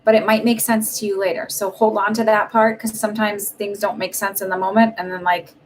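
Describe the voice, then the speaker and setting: A woman reading for viewers on a live stream, talking in a loose, rambling way full of "like" and "um." Her voice sits at an average pitch. A faint hiss runs under the home recording. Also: flat delivery, fairly quick, low-quality recording. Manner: chatty, meandering, many fillers. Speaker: psychic reader.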